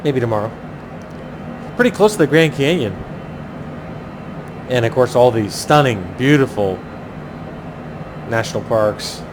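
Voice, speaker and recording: Chatty male pilot over a noisy rumble. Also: measured pace, pauses often. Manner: chatty, thinking aloud, using pilot jargon. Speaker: flight simulator pilot and host. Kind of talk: casual narrated flight commentary. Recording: clearly noisy, steady low engine-like rumble.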